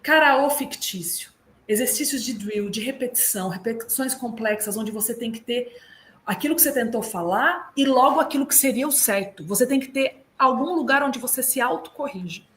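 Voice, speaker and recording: Brazilian woman coaching lively on a call. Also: on the high side, normal speed, slight background noise. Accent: Brazilian Portuguese. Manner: lively, explanatory, drills German sounds aloud. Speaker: migration consultant and German teacher. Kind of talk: advice on a video call. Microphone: video call.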